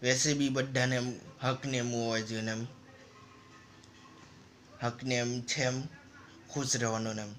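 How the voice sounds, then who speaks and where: A man's voice: mid-range voice, little pitch movement, unhurried, pauses often, fairly bright tone, a little hiss or hum. A man casually narrating a story over a game, in loose, rambling and repetitive phrases. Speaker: gaming channel narrator.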